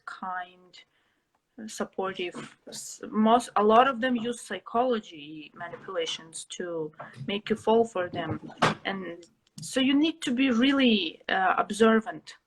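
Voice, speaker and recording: A young woman from Russia, an interview guest who answers thoughtfully, pausing to find her words. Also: medium pitch, noisy background. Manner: reflective, pauses to find words.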